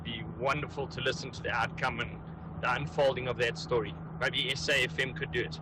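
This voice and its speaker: A man's voice: medium pitch, steady tone, fairly quick. Listener voice message: man, wry and musing, recorded outdoors by a busy road. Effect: recorded voice message played on air. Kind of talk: radio voice note. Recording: loud street traffic noise.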